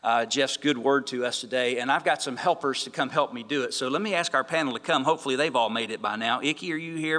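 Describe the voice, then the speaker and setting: A man's voice: mid-range voice, sharp tone, big-room sound. A man, a pastor moderating a church panel in a friendly, joking, chatty way. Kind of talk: casual moderating at a church event.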